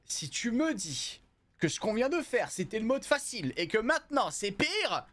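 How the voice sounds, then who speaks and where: A man's voice: sits high, sing-song, normal speed, fairly bright tone. A man giving live commentary on a horror game, jumpy, swearing and chatting with viewers. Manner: jumpy, swears, talks to chat. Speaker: streamer.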